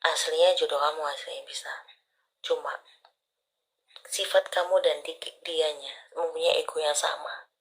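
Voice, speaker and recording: Low-voiced woman giving palm readings. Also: fairly even intonation, moderate pace, low-quality recording. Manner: intimate, drops to whispers often. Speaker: palm reader. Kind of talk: live-stream reading for a caller.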